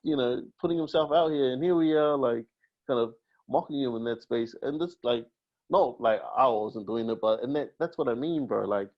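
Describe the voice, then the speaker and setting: A man's voice: mid-range voice, normal speed, muffled recording. A man hosting a podcast in casual chat, laid-back and saying "bro" a lot. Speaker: podcast host.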